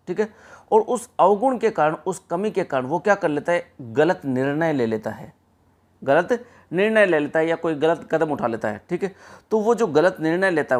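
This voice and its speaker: A man teaching an exam-prep lesson, explaining step by step, checking in often and mixing English terms into his explanation. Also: a little high. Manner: explains step by step, often saying "ठीक है" and addressing friends.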